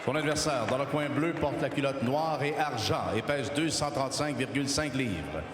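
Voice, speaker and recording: A man's voice: medium pitch, crowd noise. A man working as a boxing ring announcer, formal and ceremonious, drawing out names over an arena sound system. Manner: ceremonious, measured, drawn-out delivery. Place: large indoor boxing venue. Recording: echoey arena PA, noisy hall.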